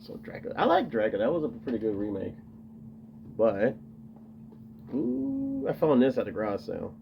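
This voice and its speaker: Casual vlog host, man, low gravelly voice, rambling and enthusiastic, dull lo-fi home recording. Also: lively intonation, quick pace, a little hiss or hum. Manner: rambling, enthusiastic, lots of fillers. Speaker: video host showing his tape collection. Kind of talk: casual chat to camera.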